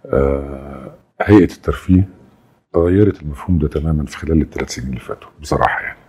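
A man's voice: rumbling low, racing, a little mellow, husky. A man with an Egyptian accent, a guest in an interview, explaining his points emphatically. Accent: Egyptian Arabic. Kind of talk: interview commentary.

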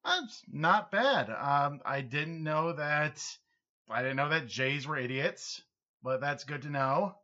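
A man with an American accent and a bright, sharp-edged voice banters on a casual podcast. He is wry and pokes fun at himself. The recording is a little muffled. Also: a little high, animated, takes it slowly. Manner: wry, self-deprecating. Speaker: podcast co-host. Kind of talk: casual comedic podcast chat.

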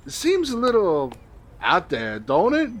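Lively 1930s beat cop, New flatfoot. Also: male voice, high-pitched, unhurried, a little hiss or hum, exaggerated voice. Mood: puzzled. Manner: old-time beat cop slang. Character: flirty, dim 1950s New York working-stiff flatfoot assistant. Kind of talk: period radio comedy acting.

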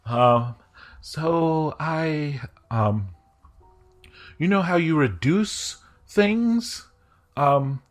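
A man narrating a tabletop game as game master, speaking slowly and deliberately with frequent hesitations. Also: on the high side, lively intonation, soft background music. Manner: slow, deliberate, hesitant with many fillers.

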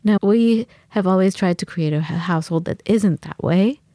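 A woman co-hosting a podcast, chatting casually and telling animated stories, acting out what people said. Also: mid-range voice, normal speed, no room sound, clean studio sound. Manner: animated storytelling with acted-out quotes. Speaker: podcast co-host.

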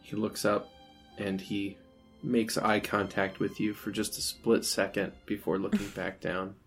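A man's voice: on the low side, little pitch movement, measured pace. A man narrating a tabletop role-playing game as game master. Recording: music playing behind the voice.

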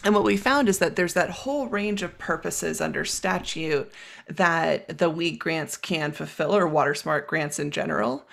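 A guest expert with a gravelly, creaky edge walks through policy details in a measured, methodical way. They list items one after another and fill pauses with frequent "um"s in a relaxed podcast chat. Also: medium pitch. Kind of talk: explanatory podcast conversation.

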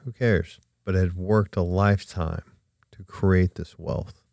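A man with a low, clear voice speaks conversationally as an advisor. The sound is close and dry. He stresses his points by repeating them. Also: darkish tone, no room sound. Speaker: estate planning advisor, podcast guest. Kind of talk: conversational anecdote and advice.

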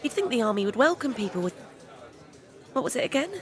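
A bright, self-conscious young woman on a date, played by an actress, speaking. Her voice swings widely in pitch as she stumbles over compliments. Soft crowd chatter can be heard in the background. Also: sing-song, quick pace.

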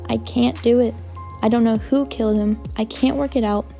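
A woman reading a flat, guarded teenage girl. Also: on the high side, normal speed, creaky, faint music behind. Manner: flat, clipped. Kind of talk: audiobook narration.

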